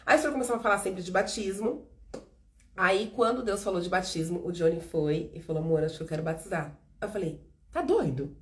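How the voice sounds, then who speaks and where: This host, a woman in her thirties from São Paulo with that city's Brazilian Portuguese accent, narrates faith testimonies in a casual chat, dramatizing the dialogue with lively energy. She talks quickly in a lowish voice, with slight background noise.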